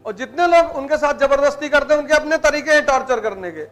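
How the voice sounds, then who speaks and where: A man's voice: extremely high pitch, lively intonation, fast, a bit bright, soft background music. A man giving a blunt, teasing motivational lecture to students in colloquial speech. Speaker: motivational teacher.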